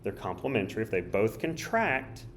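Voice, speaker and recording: A man teaching with a somewhat low, slightly hoarse voice. He talks casually and thinks aloud while he draws and writes. A faint hiss sits under the recording. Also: sing-song, normal speed. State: hoarse, coughing. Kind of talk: recorded study guide walkthrough.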